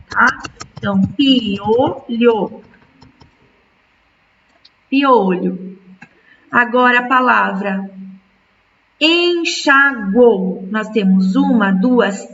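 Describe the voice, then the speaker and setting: A woman's voice: a little high, creaky, fairly bright tone, far from the mic, lo-fi sound, a little hiss or hum. A woman teaching a school lesson, patiently stretching words out syllable by syllable. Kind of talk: recorded remote school lesson.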